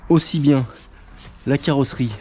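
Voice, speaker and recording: A man hosting his own channel, calmly walking viewers through a hands-on job step by step, with frequent hesitations as he talks. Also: mid-range voice, moderate pace, slight background noise. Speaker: channel host. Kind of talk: casual how-to tutorial.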